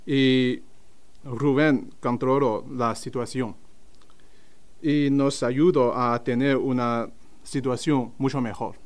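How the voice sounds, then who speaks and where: Slow, halting man. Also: mid-range voice, clear, resonant tone. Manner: halting, careful speech of a language learner. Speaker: football club owner. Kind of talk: prepared public statement at a press conference.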